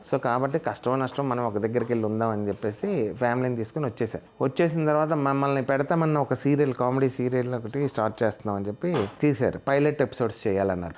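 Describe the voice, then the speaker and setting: A man's voice: mid-range voice, a little mellow, a little hiss or hum. A man, a mimicry artist, talking through an interview in an earnest, explanatory way. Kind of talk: interview conversation.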